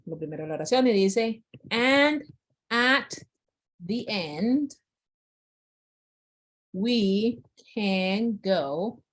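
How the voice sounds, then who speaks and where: A woman teaching English grammar in an online class, patiently explaining and repeating examples slowly. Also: medium pitch, darkish tone.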